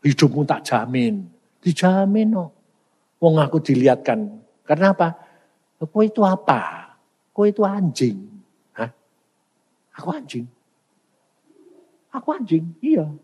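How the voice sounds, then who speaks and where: An older man preaching in a folksy, animated, conversational way and slipping in regional slang. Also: on the high side, measured pace, long pauses, breathy edge. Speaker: evangelist preacher. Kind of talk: conversational sermon with questions. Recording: long hall reverb.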